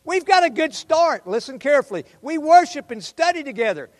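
This pastor's sermon comes in a very high, very animated voice at a brisk pace. Fervent and exhortative, he addresses his listeners directly, alternating between loud emphasis and hushed asides, with hall reverb in the sound.

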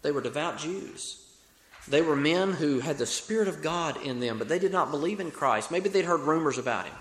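A man's voice: fairly high pitch, animated, moderate pace, fairly bright tone. A young man with an Alabama Southern accent preaches a sermon in an earnest, folksy manner, repeating phrases for emphasis. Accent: Alabama Southern American. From Alabama, United States. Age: young adult. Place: reverberant room, preaching to a congregation. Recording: echoey hall with long reverb.

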